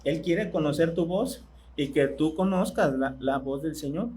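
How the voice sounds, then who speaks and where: A man preaching a sermon in church, speaking conversationally and asking his congregation questions that he pauses to let them answer. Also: on the high side, lively intonation, a little mellow, low-quality recording.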